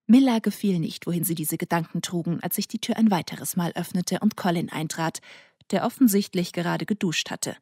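A woman reading an audiobook in a soft, intimate narration that sometimes falls to a near whisper. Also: fairly low pitch, brisk, husky, no room sound, clean studio sound. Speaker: audiobook reader. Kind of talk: scripted narration.

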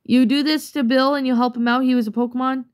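Talking fast with fairly even intonation, this high-voiced let's play gamer rambles chattily about her own gameplay, packing in many fillers. A cold leaves her a little congested.

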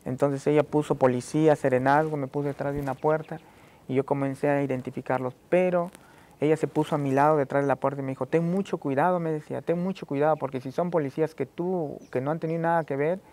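A man from Peru gives halting spoken testimony at a formal hearing, repeating phrases and recounting what others said to him. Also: on the high side, steady tone, darkish tone. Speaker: petitioner giving testimony.

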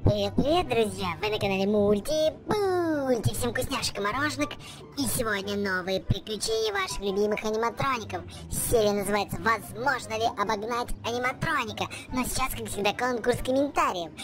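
A video host giving excited game commentary for kids in an exclamatory way, repeating words in bursts. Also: mid-range voice, a little fast, music in the background.

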